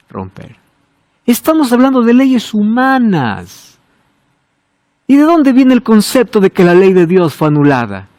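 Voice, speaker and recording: A male preacher giving a sermon, asking rhetorical questions and swinging between emphatic high points and quiet, low asides. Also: no room sound, clean studio sound.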